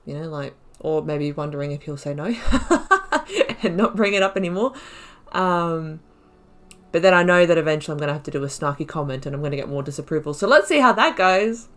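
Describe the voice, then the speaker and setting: A woman with a low, expressive, somewhat bright voice speaks briskly while hosting a gaming channel playthrough. Her let's play commentary is casual, and she thinks aloud reflectively as she goes.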